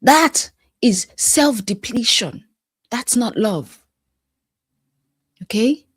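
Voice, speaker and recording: A woman's voice: a little high, expressive, drawn-out words, breathy edge, no room sound, studio quality. A woman life coach giving an emphatic motivational talk, repeating phrases with a preacher-like cadence and sometimes dropping to a whisper.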